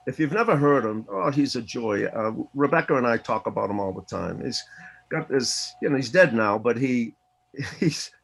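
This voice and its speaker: A man talks as a guest over a video call. His pitch sits in the middle but rises and falls a great deal as he tells his stories earnestly. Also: creaky, rough recording. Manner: animated, earnest storytelling. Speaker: interview guest. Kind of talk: casual interview.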